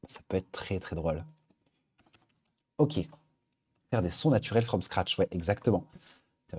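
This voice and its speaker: With a deep voice and a breathy edge, a man hosting a live stream reads viewers' suggestions aloud. His manner is upbeat and chatty, and he thinks aloud as he goes.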